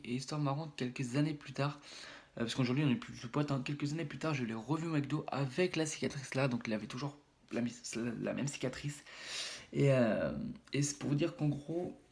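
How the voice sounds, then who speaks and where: A man's voice: medium pitch, fairly quick, creaky, fairly bright tone. A young man from France with a French accent tells a personal story on his vlog, rambling with many fillers and restarts and acting out blows with sound words. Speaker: YouTuber.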